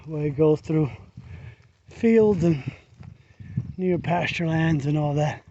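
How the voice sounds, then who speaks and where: Breathless male hiker, chatty and rambling, soft warm tone, muffled mic. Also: fairly high pitch, slow pace. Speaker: hiking vlogger. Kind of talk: casual narration while hiking. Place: outdoors on a field trail.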